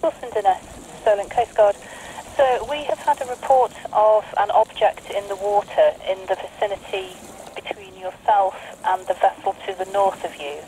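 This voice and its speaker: A woman's voice: medium pitch, normal speed, dark tone, slight background noise, poor audio. A woman working as a coast guard operator, heard over a marine VHF radio, calling a vessel with formal, clipped radio procedure. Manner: clipped, methodical call-and-response phrasing.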